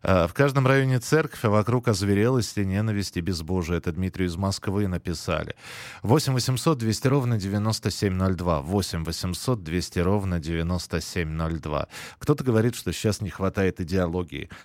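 Male phone-in radio host, fairly low voice, conversational, close dry studio sound. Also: a little fast, no echo. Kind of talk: live talk radio, conversational.

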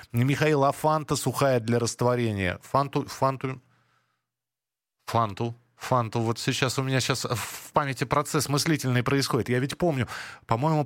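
A man hosting a radio phone-in, talking in a relaxed, reminiscing way and often restarting his sentences. His voice sits in an ordinary middle pitch. He sounds dry and close on a studio microphone. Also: no echo. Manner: chatty, reminiscing, frequent restarts. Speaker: radio call-in host. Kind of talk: casual nostalgic phone-in chat.

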